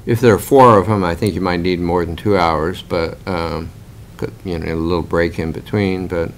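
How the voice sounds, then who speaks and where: A man's voice: deep voice, fairly even intonation, moderate pace, slight background noise. A man chairing a committee meeting, talking hesitantly and restarting sentences as he steers the agenda. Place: conference room around a large table.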